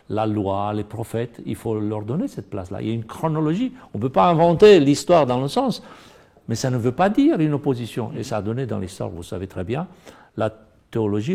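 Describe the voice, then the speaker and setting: A man's voice: lowish voice, vocal fry, warm tone. A middle-aged man with a Romanian accent, earnestly discussing a Bible lesson and pressing hard on key points. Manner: earnest, rising to emphatic stress. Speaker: panelist in a Bible study discussion.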